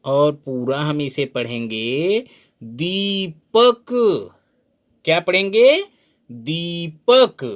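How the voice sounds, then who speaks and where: A man teaching a spoken lesson, sounding out syllables slowly and drawing them out, asking the learner questions as he goes. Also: fairly high pitch. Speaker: Hindi teacher. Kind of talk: slow spoken lesson at a board.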